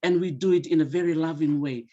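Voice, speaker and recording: A woman's voice: low-pitched, fairly even intonation, fast talker, dark tone, muffled recording. A woman from Fiji, speaking as a panelist at a symposium. She talks earnestly and gratefully, with many "uh" fillers. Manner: earnest and appreciative, with frequent "uh" fillers. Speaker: museum association representative, panelist.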